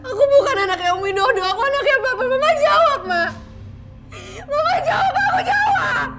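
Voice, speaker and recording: An actress playing a distraught young daughter who cries, pleads and insists in a TV drama. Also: female voice, extremely high pitch, quick pace, a bit bright, soft background music. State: crying.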